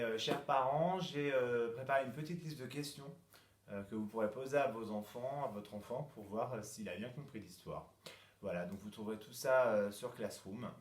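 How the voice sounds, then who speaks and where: A male teacher records a lesson from home for young children. He speaks slowly and carefully, spelling each step out plainly. His voice sits at an ordinary middle pitch. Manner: slow, clearly articulated explaining, addressing children and parents. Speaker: kindergarten teacher.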